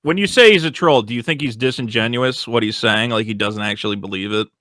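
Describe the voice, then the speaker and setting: A man's voice: mid-range voice, fast talker, bright, forceful tone, slight background noise. A man who is a guest in a casual online debate, talking in a blunt, candid way over a computer microphone on a voice call.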